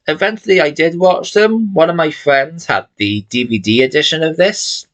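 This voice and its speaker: Tired, rambling man in his thirties. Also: mid-range voice. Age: 30s. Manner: rambling, chatty, swears casually, self-correcting. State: tired and yawning. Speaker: collection vlogger. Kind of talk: casual chat showing a film collection.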